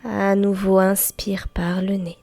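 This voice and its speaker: A guided meditation teacher and host leads a slow, soothing yoga nidra session in a soft, breathy, near-whispering voice. She speaks gently and unhurriedly, leaving long pauses between short phrases, her medium pitch level throughout. Soft music with chimes plays behind her.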